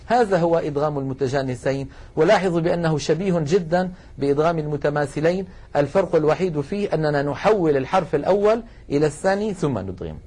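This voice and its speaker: This male teacher covers Quran recitation rules in a recorded session, calling his audience brothers. His explanations are patient, and every example gets a slow, deliberate recitation. He sounds a little high and expressive, with a darkish, husky tone.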